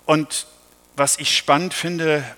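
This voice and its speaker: A man's voice: on the high side, little pitch movement, slow pace, bright, forceful tone, long reverb tail. A man preaching a sermon, emphatic, asking his congregation direct questions.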